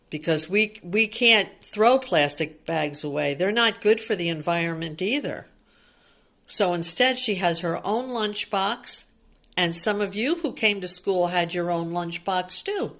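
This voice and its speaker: A woman with a lowish, creaky, fairly bright voice reads a picture book aloud to young children like a teacher during storytime. She adds simple asides, repeating words and asking little questions.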